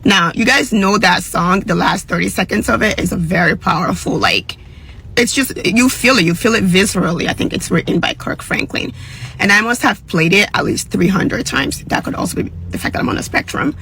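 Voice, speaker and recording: A young woman giving an emotional, earnest personal testimony, with a husky voice. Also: mid-range voice, a little fast, fairly bright tone, poor audio. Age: young adult. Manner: emotional, earnest, with sung passages. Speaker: storyteller.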